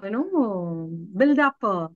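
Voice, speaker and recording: A woman's voice: mid-range voice, big pitch swings, slow, no echo, narrow, tinny audio. A middle-aged woman with an Indian English accent, a vocal coach talking in an interview and demonstrating voice techniques. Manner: explains with sung and spoken demonstrations. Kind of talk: interview conversation.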